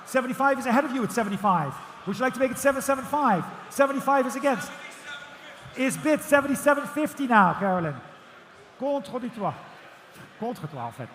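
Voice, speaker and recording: Guy auctioneer rattling off bids super fast, really high voice, loud, big echoey hall. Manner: rhythmic auctioneer patter, repeating numbers; projecting loudly to a room. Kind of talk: auctioneer calling bids at a live car auction. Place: large auction room with bidders. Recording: echoey auction hall, faint background noise.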